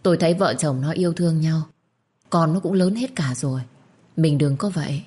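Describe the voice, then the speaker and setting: A woman's voice: low-pitched, normal speed, dark tone, breathy edge. A woman doing a sly scolding concubine. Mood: coaxing. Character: scheming sharp-tongued older concubine wife.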